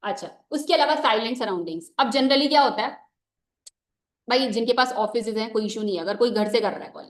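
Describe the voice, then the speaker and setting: Young woman trainer, high voice, echoey room. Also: a little fast. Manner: conversational, repeats "ठीक है" as a filler; mixes in English phrases. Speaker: network marketing trainer. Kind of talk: motivational training talk. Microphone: wearing a microphone.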